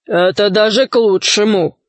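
A woman voicing a boastful, hot-headed young male bogatyr hero in an audiobook, speaking low, slow and stern. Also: fairly even intonation, dry recording, lightly acted. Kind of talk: audiobook character voice.

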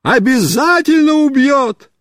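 A man doing a loud, scatterbrained young boy. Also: very high-pitched, animated, takes it slowly, dry recording, studio quality, voice pushed up, heavily acted. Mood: shouting, excited. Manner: shouting across a yard.

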